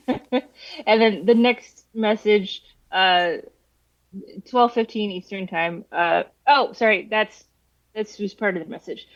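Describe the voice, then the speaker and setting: A woman's voice: medium pitch, slow, no echo, muffled recording. A woman guest on a podcast, speaking hesitantly with many fillers. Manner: hesitant, with frequent ums and laughs. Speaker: guest cybersecurity commentator. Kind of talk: casual podcast chat.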